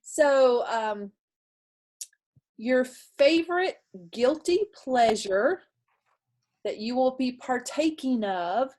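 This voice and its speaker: A woman with a fairly high voice leads a relaxed group chat over a video call. She talks slowly and easily, with frequent laughs. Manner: friendly, unhurried, laughs often. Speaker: meeting host.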